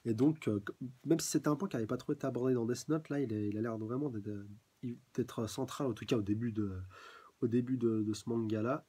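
A man's voice: mid-range voice, brisk, warm tone, husky. A young man doing a casual live review of a manga, talking hesitantly with many restarts.

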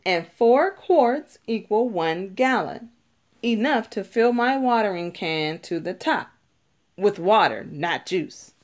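This female narrator reads a children's picture book slowly and instructively, her mid-range voice animated and full of varied intonation. Key words get clear emphasis.

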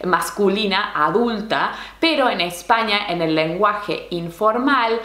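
A woman's voice: medium pitch, expressive, sharp tone, roomy sound. A woman teaching Spanish slang, explaining patiently and checking in with little questions. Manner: explains slowly, keeps asking "¿no?" and "¿sí?". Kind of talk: language lesson explaining slang.

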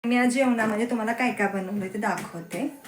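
A woman in her thirties with a rural Marathi accent talks straight to her viewers as she films her home on a phone. Her voice sits a little high, and a faint hiss sits behind it. She chats casually and teases her daughters as she goes. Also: a little fast. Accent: rural Marathi, Satara region. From Maharashtra, India. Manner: chatty, addresses viewers directly, teasing her daughters. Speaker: family vlogger and mother. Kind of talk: casual home vlog narration. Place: home with rain outside.

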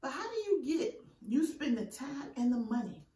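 A woman's voice: sits high, big pitch swings, moderate pace, dark tone. A middle-aged woman telling stories casually while eating, her mouth sometimes full. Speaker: vlogger. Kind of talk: casual chit-chat storytelling during an eating show. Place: indoor room, green-screen backdrop. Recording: roomy echo, distant microphone.

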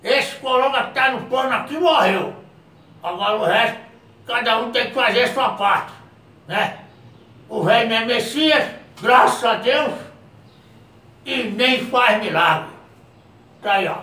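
A man playing a feisty old man who calls himself king, yelling insults and threats in a comedic sketch. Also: extremely high pitch, measured pace, long pauses, echoey room, distant mic, full character voice. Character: feisty old man, self-styled king, scolding a virus.

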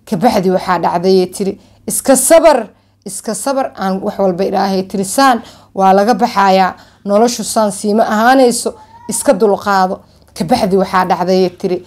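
Young somali lady telling a dramatic story, soft dark tone, medium pitch, really leans on and drags out words. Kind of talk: dramatic oral storytelling to camera. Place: small furnished room at home, indoors.

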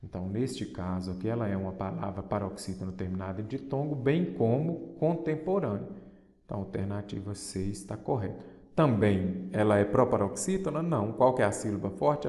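A man's voice: lowish voice, darkish tone, roomy sound, in a large hall. A male teacher with a Brazilian Portuguese accent, explaining exam questions step by step and answering his own questions. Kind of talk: exam-prep lesson.

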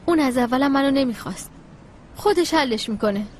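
A woman's voice: sits high, expressive, slight background noise. A woman dubbing a caring but exasperated young woman in a TV drama, pleading and scolding. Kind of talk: dubbed TV drama.

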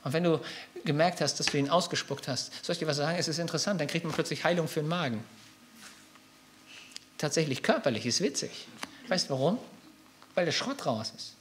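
Fervent high-voiced male preacher. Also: animated, a bit bright, a little hiss or hum. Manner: fervent, repeats phrases and keeps calling out hallelujah; talks straight to listeners with quick questions. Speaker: pastor. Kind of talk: sermon and led prayer.

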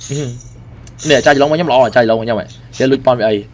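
A man giving excited, repetitive callouts while playing a mobile game with a teammate. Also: mid-range voice, quick pace, background noise. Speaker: gamer. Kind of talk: live game commentary with a teammate.

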